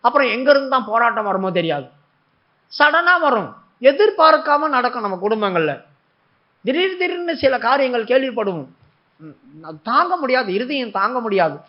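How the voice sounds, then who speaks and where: A man's voice: very high voice, moderate pace, long pauses. A man preaching a sermon, telling a story with feeling and acting out the prayers and the replies of God. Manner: animated storytelling, acting out prayers and God's words. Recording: dull lo-fi recording.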